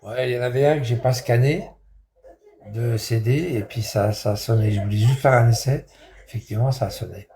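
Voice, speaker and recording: Man, casual vlogger, mellow low tone, rambling and repetitive, slangy. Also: fairly quick. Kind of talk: casual vlog chat.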